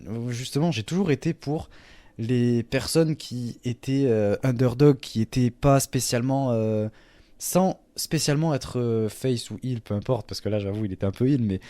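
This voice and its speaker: A man's voice: medium pitch, warm tone, dry recording. A man co-hosting a casual podcast, talking with frequent hesitations and fillers. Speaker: podcast co-host.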